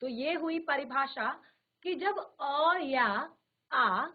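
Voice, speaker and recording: A woman teaching Hindi grammar, slowly repeating terms and asking questions that she answers herself. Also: high voice. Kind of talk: slow classroom explanation. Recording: tinny phone-like virtual classroom audio.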